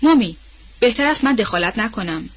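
Melanie, a gentle young lady, as a woman reader puts her on. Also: a little high, lively intonation, slightly rough, muffled recording. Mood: hesitant. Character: young gentle lady, soft-hearted and hesitant.

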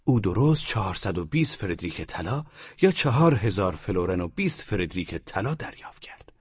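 A man narrating an audiobook novel in an expressive, storytelling way. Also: low-pitched, breathy edge, no room sound. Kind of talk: scripted narration. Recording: dull, dry studio recording.

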